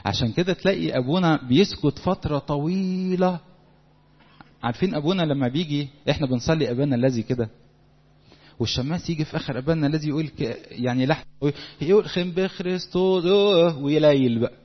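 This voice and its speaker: A man's voice: a little high, fast, slightly rough. A man with an Egyptian Arabic accent preaching a sermon to young people, talking conversationally and acting out little dialogues. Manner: lively, conversational, acts out quotes. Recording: lo-fi recording in a reverberant hall.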